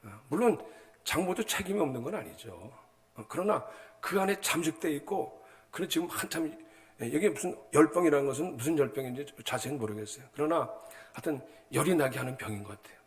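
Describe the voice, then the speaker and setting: A male pastor preaching a sermon in a colloquial, animated way, often prompting the congregation with short asides and acting out everyday stories. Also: a little high, quick pace. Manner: acts out everyday anecdotes with sound words.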